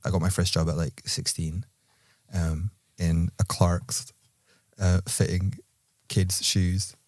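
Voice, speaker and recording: A low-voiced man from Scotland, with an Edinburgh accent, chats in a relaxed podcast, moving between playful, dry teasing and thoughtful, measured explanation. The recording is close and dry, with no room sound around him.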